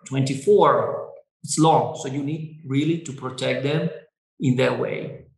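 Italian-native winemaker, halting speech. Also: male voice, mid-range voice, creaky, reverberant, poor audio. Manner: halting, many fillers and restarts. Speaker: winery owner. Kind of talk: Zoom wine tasting interview. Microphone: video call.

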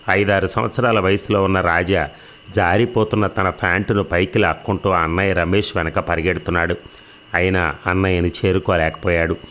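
A middle-aged man reading a dramatic novel as scripted narration, with a steady, measured delivery. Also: deep voice, a little hiss or hum.

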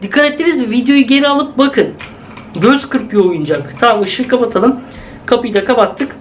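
A high-pitched young man narrates a game as he plays, chatty and jumpy, often calling out to his viewers. Faint room noise sits behind his voice. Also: normal speed. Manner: chatty, jumpy, exclaims at scares, talks to viewers. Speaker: gaming video host. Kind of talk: casual let's-play commentary.

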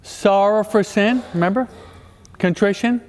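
Slow-speaking high-voiced priest. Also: male voice. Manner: joking, keeps checking the audience with questions. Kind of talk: parish talk mixing jokes and teaching. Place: large church. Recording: echoey church with long reverb.

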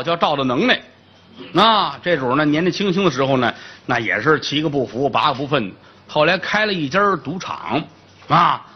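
A man's voice: on the high side, husky, muffled recording. A man telling a classic tale as a traditional comic storyteller, colloquial and full of comic asides.

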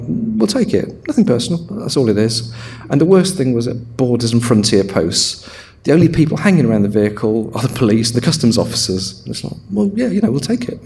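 A middle-aged man speaks to a room of listeners about travel, with a voice at an ordinary middle pitch. His delivery is chatty and jokey, and he drops into brief put-on voices to act out scenes. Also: a little mellow, slight background noise. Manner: chatty and humorous, acts out quick voices. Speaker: presenter at an overland travel show. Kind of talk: live presentation talk with slides. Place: talk in a room with an audience.

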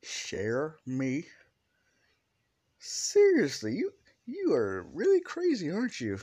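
A man's voice: a little high, sing-song, unhurried, warm tone, slightly rough, no echo, voice pushed up, exaggerated voice. A man doing a flustered young dragon-shifter. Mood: disbelieving.

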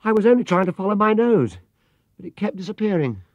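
A man's voice: high voice, sing-song, fast talker, no room sound, muffled recording, voice pushed up. A man voicing a small, polite young bear who speaks earnestly and hopefully.

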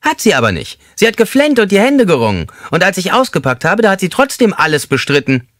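A man voicing a squeaky-voiced, crude, rambling male prison inmate in an audiobook. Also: wildly swooping pitch, fast, fairly bright tone, no room sound, studio quality, exaggerated voice. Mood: crude, mocking. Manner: coarse, rambling storytelling. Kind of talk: audiobook character voice.

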